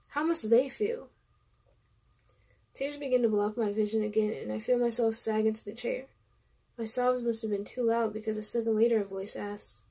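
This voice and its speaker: A woman's voice: a little high, dark tone, breathy edge. A young woman reading a story aloud in the first person, emotional, with chatty asides between passages. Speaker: reader of a story.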